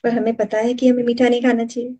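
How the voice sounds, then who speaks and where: A woman's voice: fairly high pitch, little pitch movement, fast, dark tone. A woman student asking a question in class, hesitant and searching for words.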